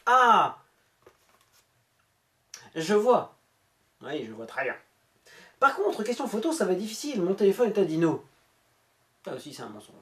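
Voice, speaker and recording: A woman YouTuber reading a scam chat aloud, switching between mock voices and sarcastic, casually sweary asides. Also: lowish voice.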